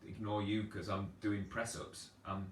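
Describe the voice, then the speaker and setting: Male personal trainer, lowish voice, loose and chatty and self-deprecating, recorded off-mic in a roomy space with faint hiss. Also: little pitch movement, measured pace. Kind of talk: casual live Q&A advice. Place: at home on a sofa. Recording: echoey room, distant from mic, faint background noise.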